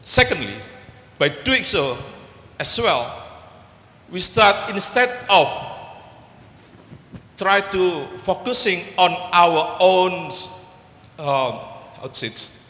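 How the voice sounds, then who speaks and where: A man's voice: high voice, expressive, takes it slowly, pauses often, sharp tone. A man asking a panel a question at a conference, hesitating and searching for words. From Indonesia. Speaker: audience member asking a question. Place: large conference hall. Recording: echoey conference hall with long reverb.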